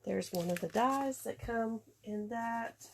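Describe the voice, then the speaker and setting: A woman's voice: a little high, slow pace, creaky, background noise. A congested woman chatting casually through a craft tutorial, talking through each step as she works. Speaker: card-making demonstrator.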